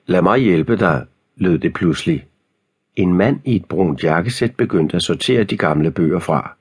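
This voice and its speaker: A man reading a teen thriller audiobook in measured scripted narration. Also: low voice, animated, darkish tone, slightly rough.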